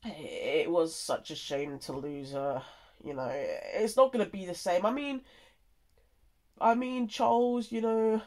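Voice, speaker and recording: A content creator giving a casual, halting and rambling update, sounding tired and nasally congested from a cold. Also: mid-range voice, darkish tone.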